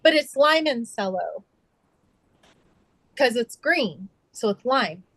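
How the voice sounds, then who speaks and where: A woman's voice: on the high side, expressive, measured pace, a bit bright, dry recording, poor audio. A middle-aged woman chatting casually on a video call, telling rambling stories full of fillers and restarts. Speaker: quilter sharing her sewing. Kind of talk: casual chat.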